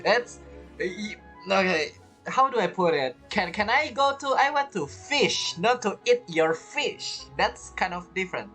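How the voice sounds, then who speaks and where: A young man with a high, sharp-toned voice gives chatty, playful commentary while playing through a game, reacting to the characters as he goes. He speaks unhurriedly and expressively, and soft music plays in the background. He is a gaming streamer.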